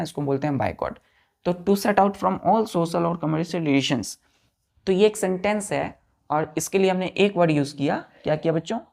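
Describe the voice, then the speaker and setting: Guy teaching vocab for entrance exams, kinda gravelly, keeps repeating words and asking if it's clear. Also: a little high. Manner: explains patiently, repeats key words and checks understanding; spells words out letter by letter. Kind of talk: exam-prep lesson.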